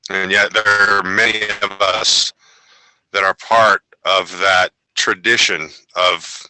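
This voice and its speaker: A man in a casual roundtable chat on a video call, telling family stories in an animated way and slipping into playful voices. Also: low-pitched, takes it slowly, a little hiss or hum, poor audio. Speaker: network member, roundtable guest. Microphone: video call microphone.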